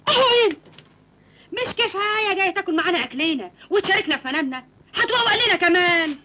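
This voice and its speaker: A woman's voice: high-pitched, very animated, racing, pushed and bright, husky, exaggerated voice. An actress playing a stingy, shrewish middle-aged aunt with an Egyptian accent, nagging her husband.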